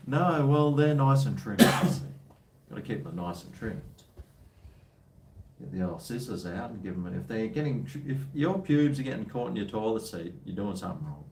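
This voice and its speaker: A man with a broad Kiwi accent chats in a loose, slangy way as a co-host. His voice sits fairly low. It is picked up from a distance in an echoey room. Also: lively intonation, moderate pace, a little mellow. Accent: New Zealand. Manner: blokey, slangy. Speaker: co-host of a casual show. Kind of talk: casual banter. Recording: roomy, distant from the mic.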